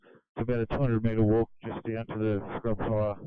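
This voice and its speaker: A man's voice: fairly low pitch, completely flat delivery, moderate pace, clear, resonant tone, no echo. A man from a helicopter crew, giving a situation report over two-way radio. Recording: dry, slightly muffled aircraft radio.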